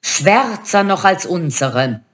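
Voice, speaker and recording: A woman's voice: fairly low pitch, lively intonation, slow. A woman voicing three spiteful old witches who shriek and wail, in a storybook reading. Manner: shrieking, wailing.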